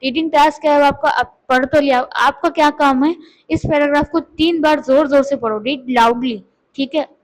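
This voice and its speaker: A woman teaching English to beginners, explaining in Hindi and reading English lines slowly and carefully. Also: high voice, fairly even intonation, low-quality recording. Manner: repeats words and asks questions to the viewer. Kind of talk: lesson.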